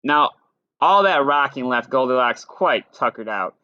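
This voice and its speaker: A man reading a picture book aloud to children, expressive and playful, with dry asides. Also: medium pitch, a little slow, clean tone, no room sound, dull audio. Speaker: storyteller.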